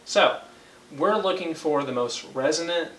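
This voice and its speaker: A man's voice: fairly high pitch, animated, measured pace, fairly bright tone. A young man gives a one-on-one brass lesson, patient and often checking in. His voice sits in an echoey room with a faint hiss behind it. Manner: patient, checks understanding with frequent okays. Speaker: brass teacher.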